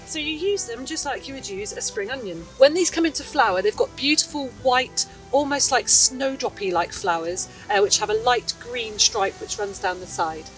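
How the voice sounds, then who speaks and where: A woman's voice: fairly high pitch, expressive, moderate pace, hardly any pauses, distant mic, faint music behind, poor audio. A woman in her thirties chattily teaching about wild plants, recorded outdoors in a hedgerow lane and woodland. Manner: bright, chatty, enthusiastic explaining. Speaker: foraging teacher. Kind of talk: outdoor foraging lesson.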